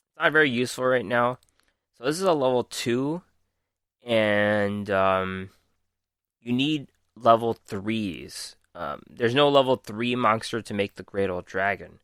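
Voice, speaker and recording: A man's voice: mid-range voice, expressive, slow, a bit bright, clean tone, no echo, clean studio sound. A man hosting a podcast, methodically reading out card text and reviewing it with frequent ums while losing his voice. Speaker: podcast host. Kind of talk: casual card game review.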